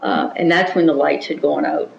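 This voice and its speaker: A woman giving an oral history interview, recounting events in a measured, reflective way with small restarts. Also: deep voice, steady tone, vocal fry, slight background noise. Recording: roomy, dull-sounding recording.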